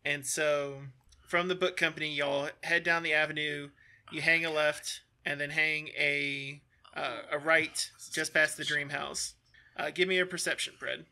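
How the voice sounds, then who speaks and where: A man narrating as game master, describing scenes in a relaxed, halting way with many fillers. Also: fairly high pitch, gravelly.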